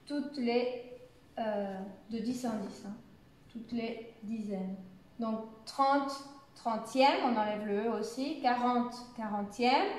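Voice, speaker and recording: A woman from France teaching a beginners' language lesson, carefully spelling out and repeating words. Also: a little high. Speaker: French teacher. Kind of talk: slow spoken language lesson. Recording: echoey room.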